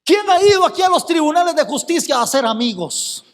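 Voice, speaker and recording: A man's voice: very high-pitched, big pitch swings, brisk, big-room sound. A male pastor preaching a fervent sermon, firing rhetorical questions at the congregation.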